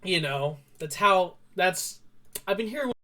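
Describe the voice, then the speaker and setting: A man's voice: high voice, expressive, a little slow, bright, forceful tone. A young man co-hosting a podcast, chatting casually and telling rambling stories full of fillers and restarts. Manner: rambling storytelling full of fillers and self-corrections. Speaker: podcast co-host. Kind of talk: casual chat.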